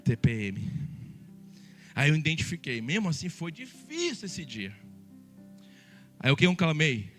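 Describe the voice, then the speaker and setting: A man preaching a sermon as the pastor, his voice sitting a little high for a man. He jokes with the congregation and turns to them often with questions. A soft guitar plays behind him. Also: a little slow, pauses often. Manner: lively, joking preacher who addresses the congregation directly.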